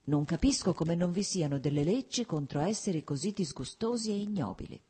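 A woman voicing an anxious, reproachful older princess and mother, with a husky voice. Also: lowish voice, animated, a little fast, dark tone. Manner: plaintive, reproachful.

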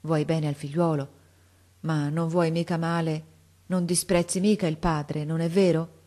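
A woman voicing a sad, ashamed father, a former convict, who speaks with sad affection in a hushed, trembling voice, in a storybook reading. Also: low voice, level tone, a little slow.

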